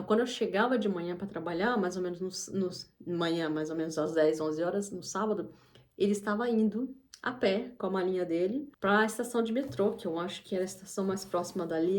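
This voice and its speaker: This Brazilian woman, an English teacher who hosts her own channel, speaks casually to camera in a mid-range, slightly mellow voice. She rambles, restarting often and wandering into asides.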